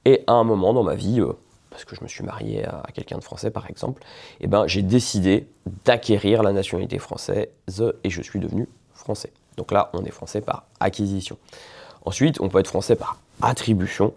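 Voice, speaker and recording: Speaking a little fast, this man's voice sits on the low side, creaky, husky and darkish in tone. He's a lawyer explaining nationality law in a casual video, chatting with frequent hesitations and checks on whether the listener is following.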